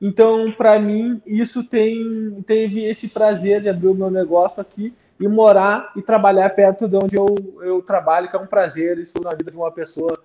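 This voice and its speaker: Chatty Gaúcho man, high mellow voice. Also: level tone, moderate pace, few pauses. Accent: Gaúcho Brazilian Portuguese. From Porto Alegre, Brazil. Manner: chatty, informal, self-correcting. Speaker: business owner guest. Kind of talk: casual conversation. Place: indoors, home or shop with brick wall. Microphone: video call webcam. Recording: muffled video call audio.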